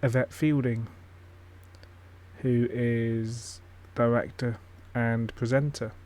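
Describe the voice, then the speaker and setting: A man's voice: mid-range voice, steady tone, slow, darkish tone. A man giving casual, skeptical commentary while watching a ghost-hunting show, blunt and swearing now and then. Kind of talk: casual live-stream commentary.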